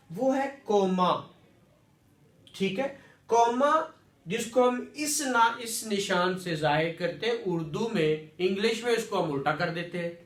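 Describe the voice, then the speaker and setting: A man's voice: sits high, a bit bright. A man teaching a classroom lecture, repeating words and quizzing students with questions. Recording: echoey room, distant mic.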